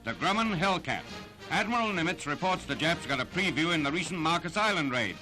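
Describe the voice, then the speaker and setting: A man's voice: a little high, expressive, brisk, music in the background, low-quality recording. A man giving punchy, dramatic old newsreel narration.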